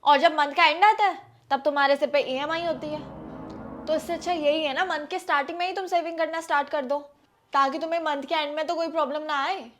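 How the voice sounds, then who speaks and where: A woman's voice: high-pitched, fairly even intonation, fast talker, fairly bright tone, faint music behind. A young woman acting as a thrifty wife who firmly lectures her husband about saving money in a scripted family skit. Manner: firm, persuasive, lecturing.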